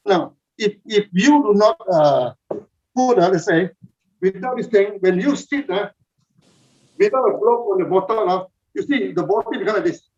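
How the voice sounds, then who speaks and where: A middle-aged man with a Malaysian accent teaching meditation over a video call, halting, with many fillers and repeated words. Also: high-pitched, darkish tone. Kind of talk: slow spoken instruction at a virtual gathering. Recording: dull lo-fi online call audio.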